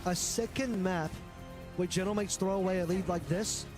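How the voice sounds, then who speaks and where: High-pitched man casting esports live. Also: normal speed, music in the background. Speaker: esports caster.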